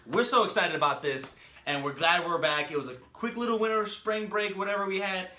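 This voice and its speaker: A man's voice: sits high, brisk, sharp tone. A man co-hosting a podcast in informal chat, speaking straight to the audience. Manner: informal, addresses the audience directly. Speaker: podcast co-host. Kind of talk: casual chat. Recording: roomy indoor echo.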